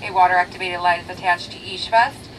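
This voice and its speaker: A woman's voice: lowish voice, steady tone, fast, a bit bright. A woman flight attendant reading a scripted safety briefing over a cabin intercom. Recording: distant cabin PA with aircraft noise.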